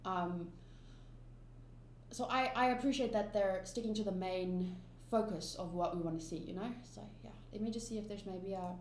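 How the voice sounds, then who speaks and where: This anime reaction YouTuber, whose first language is Afrikaans, talks at a moderate pace in a mid-range, darkish voice. Her casual commentary is rambling and emphatic, full of restarts and fillers, and it's recorded in a roomy space with echo and a faint hum.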